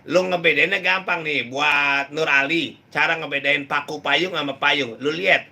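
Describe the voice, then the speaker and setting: A young man hosts a live comedy stream, playfully teasing viewers and reciting rhymes in a drawn-out sing-song. His voice sits high and sounds very bright and sharp. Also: fairly even intonation, gravelly. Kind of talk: joking live chat answering viewer comments.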